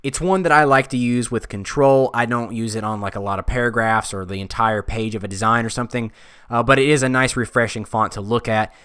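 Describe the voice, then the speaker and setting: Young male creator, casual tutorial read, clean dry recording, mid pitch, thinks aloud. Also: a little fast, clear, resonant tone, no room sound. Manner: relaxed, thinking aloud with frequent uhs. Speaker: design video creator.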